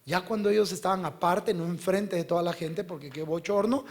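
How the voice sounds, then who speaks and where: A male pastor preaching a sermon, talking directly to the listener and swinging between loud bursts and hushed lines. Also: sits high, brisk.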